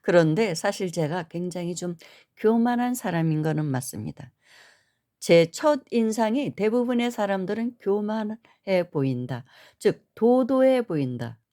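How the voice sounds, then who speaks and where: A middle-aged woman earnestly recounting a personal spiritual dream, often pausing with an affirming "yes". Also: on the low side, mellow. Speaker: spiritual storyteller. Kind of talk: personal storytelling.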